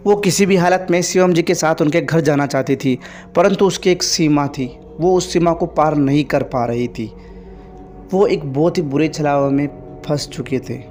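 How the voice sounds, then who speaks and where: A man's voice: on the high side, warm tone. A man casually narrating a horror story in a conversational way, with restarts and repetitions.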